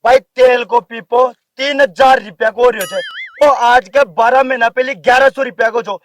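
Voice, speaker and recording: Loud pleading Rajasthani village headman. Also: very high voice, steady tone, moderate pace, a little hiss or hum. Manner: loud, pleading, shouting complaints. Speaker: village headman in a comedy sketch. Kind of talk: comedic village protest sketch.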